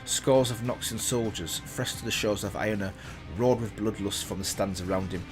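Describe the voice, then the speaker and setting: Over loud background music, a reaction video host with a lowish voice reads through a text at a moderate pace. He keeps pausing to drop in offhand remarks.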